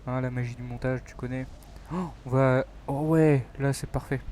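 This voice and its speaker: Joking young gamer. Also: male voice, mid-range voice, fairly even intonation, normal speed, mellow, slight background noise. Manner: joking, self-mocking, rambling with fillers; drops to near-whispers in tense moments. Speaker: gaming YouTuber. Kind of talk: casual mobile game commentary.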